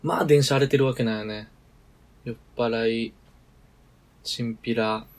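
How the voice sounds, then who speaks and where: A man's voice: medium pitch, steady tone, measured pace. A man with a Kansai accent, a podcast co-host, telling a story in casual chat and laughing often. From Kyoto Prefecture.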